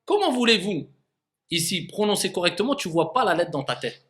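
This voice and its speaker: A man's voice: sits high, very animated, fairly quick, a bit bright. A man teaching a classroom lesson on recitation, demonstrating letter sounds again and again and questioning his students.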